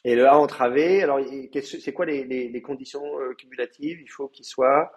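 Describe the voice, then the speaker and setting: A man's voice: medium pitch, fairly even intonation, normal speed, a little mellow. A man with a French accent giving a university lecture, hesitant, with many fillers and restarts. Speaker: teacher.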